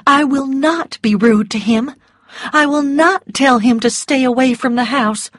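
A gentle young woman, as a woman reader puts her on speaks earnestly and firmly in a raised, light voice, trembling a little. The recording is close and dry. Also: high-pitched, measured pace, no room sound, voice pushed up. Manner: earnest, trembling but firm.

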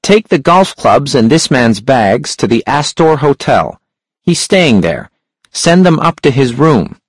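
A man voicing a male hunchback crime boss in a storybook reading, with a sharp, high voice and a smooth, controlling manner. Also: sing-song, a little slow, no echo, poor audio. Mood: commanding. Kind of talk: audiobook character voice.

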